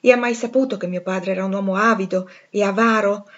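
Rochester-like: a proud, passionate gentleman, as a woman reads him in an audiobook, intense and pleading. Her mid-pitched voice keeps its own sound. The recording is dull and lo-fi. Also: fairly even intonation, fairly quick, natural voice. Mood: confiding. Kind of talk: audiobook reading.

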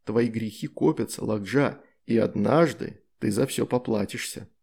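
Man doing a calm ironic wizard husband. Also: fairly low pitch, unhurried, creaky, slightly rough, full character voice.

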